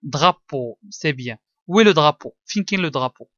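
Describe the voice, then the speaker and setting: Man, Moroccan accent, teacher, patient and coaxing, slow repetition, dry muffled recording. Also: on the high side, expressive, a bit bright, dry recording. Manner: patient, coaxing, repeats words slowly, mixes French and Arabic. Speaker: primary school teacher. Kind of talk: one-on-one reading test with a child.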